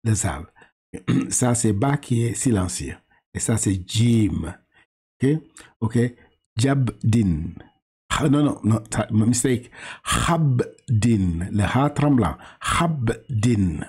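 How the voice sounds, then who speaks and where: A man's voice: on the low side, lively intonation, darkish tone, husky. A Senegalese man with a Senegalese French accent, patiently teaching a Quran reading lesson and drawing out syllables, repeating and correcting as he goes. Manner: patient, slow drawn-out syllables, repeats and corrects, halting restarts.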